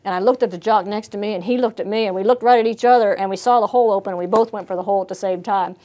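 Fast-talking woman telling a story. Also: mid-range voice. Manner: animated storyteller, many restarts. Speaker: former jockey, interview guest. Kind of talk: casual storytelling interview.

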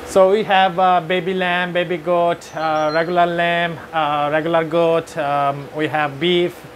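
A man's voice: a little high, little pitch movement, measured pace, slight background noise. A man speaking through a face mask, giving a hesitant, filler-heavy walkthrough of his grocery store. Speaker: store owner giving a tour. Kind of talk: casual walkthrough tour.

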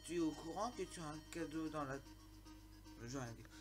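A man's voice: on the high side, fairly quick, music in the background. A man casually commenting on a game he plays, rambling and flustered, often laughing at his own slips. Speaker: let's play host.

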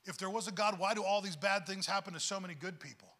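A pastor acting out a blunt, skeptical barber. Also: male voice, sits high, quick pace, bright, forceful tone, exaggerated voice. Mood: defiant. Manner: blunt, challenging.

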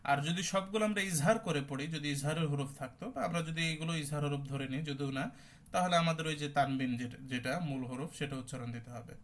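A man teaching an online class on Quran recitation rules. He explains step by step, often checks whether listeners understand, and chants example words with drawn-out recitation. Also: a little high, fairly bright tone. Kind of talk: online tajweed class lecture.

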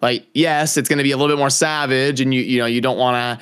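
A man's voice: mid-range voice, steady tone, fast talker, a bit bright, clean tone. Easygoing man in casual chat.

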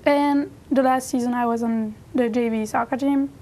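A young woman from France speaks English with a French accent. Her voice sits fairly high, and she answers in a chatty, giggly way. She is recorded on a lapel mic in a small studio. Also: fairly even intonation, normal speed, mellow. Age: young adult. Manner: chatty, laughs often. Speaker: exchange student. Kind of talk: studio interview.

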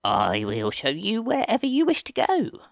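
Screechy nasal goblin, all cheery and eager, bouncy high voice, storybook read. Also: male voice, wildly swooping pitch, normal speed, vocal fry, no echo, studio quality, heavily acted. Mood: cheerful. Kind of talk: audiobook character voice.

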